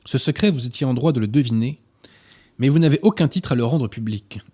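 A man reading aloud as a proud, commanding gentleman thief, speaking sternly and forcefully. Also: mid-range voice, lively intonation, fairly quick, slightly rough.

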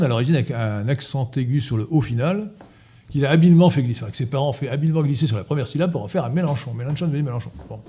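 A man giving a political lecture to an audience, halting with frequent filler sounds and restarts, and repeating his points emphatically. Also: mid-range voice, dark tone. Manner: emphatic, insistent repetition. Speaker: lecturer at an association meeting.

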